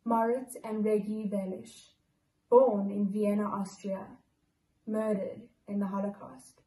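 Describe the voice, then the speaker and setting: A young woman from South Africa reads memorial names slowly and softly, with a mellow tone. She sits back from the microphone. The room around her echoes. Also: mid-range voice, little pitch movement, distant mic. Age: young adult. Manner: slow, soft recitation. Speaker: memorial reader. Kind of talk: solemn reading of victims' names. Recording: echoey room, away from the mic.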